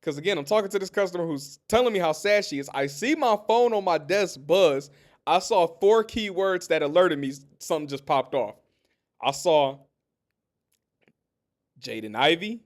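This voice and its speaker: A man's voice: a little high, moderate pace. A man hosting his own sports podcast, giving casual commentary, talking straight to listeners and telling stories. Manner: animated, talks straight to listeners, tells stories.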